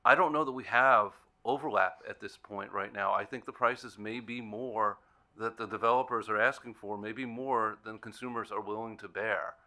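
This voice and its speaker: A man's voice: lowish voice, fairly even intonation, normal speed, pushed and bright. A man, speaking as a consumer advocate on a panel in an earnest, plainspoken way. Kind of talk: panel discussion remarks.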